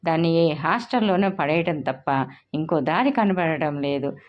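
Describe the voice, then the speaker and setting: A woman voicing a hot-tempered mother in her thirties in a storybook reading, sharp and shouting. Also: deep voice, lively intonation, measured pace, dull audio. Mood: bitter. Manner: shouting in rage.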